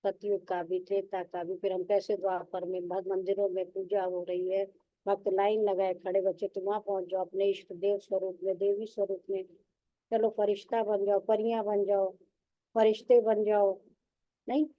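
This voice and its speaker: A woman's voice: mid-range voice, flat delivery, moderate pace, no room sound, lo-fi sound. A woman spiritual teacher giving a devotional sermon, telling stories with repetition and rhetorical questions.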